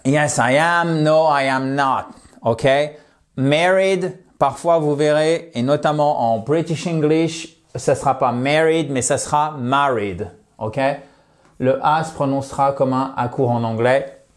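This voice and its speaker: Man teaching English phrases slowly. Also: mid-range voice. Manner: explains pronunciation, modelling English phrases slowly with rising intonation. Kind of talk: video lesson.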